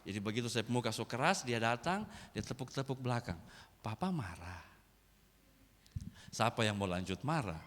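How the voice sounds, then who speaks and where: A man's voice: medium pitch, animated, a little fast, few pauses, fairly bright tone. A man with a Kupang accent preaching a sermon in a church, emphatic and slipping into local slang. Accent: Kupang Malay. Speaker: pastor. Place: church hall. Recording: echoey church hall.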